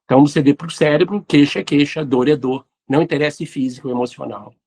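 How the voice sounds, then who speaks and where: A man's voice: on the high side, fast, mellow, slightly rough. A man, hosting and answering listener questions in an explanatory talk on neuroscience and spirituality. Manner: didactic, addresses listeners directly.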